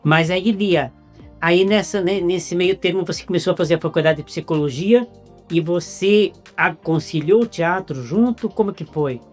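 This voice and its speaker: A man's voice: high-pitched, moderate pace, faint music behind. A man with a Brazilian Portuguese accent hosting a casual interview, often repeating words as he gets going. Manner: stammering repetitions. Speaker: interviewer host.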